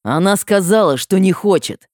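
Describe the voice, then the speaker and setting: A woman's voice: medium pitch, animated, moderate pace, a little mellow, dry recording, studio quality, pitched above the performer's own voice, close to an everyday voice. A woman voicing a protective male dragon friend in an audiobook, urgent and raised. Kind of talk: audiobook character voice.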